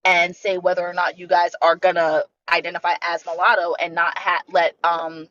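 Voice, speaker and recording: Woman from Bangladesh, casual chat, emphatic, animated, dull lo-fi stream audio. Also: fairly low pitch, moderate pace. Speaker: livestream guest.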